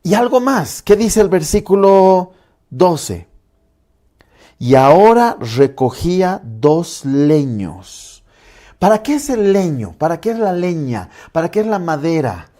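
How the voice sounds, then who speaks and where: A man's voice: high-pitched, sing-song, normal speed. Preaching pastor, a man. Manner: preaching with wide swings from loud to hushed; acts out doubting voices in quotes. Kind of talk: sermon.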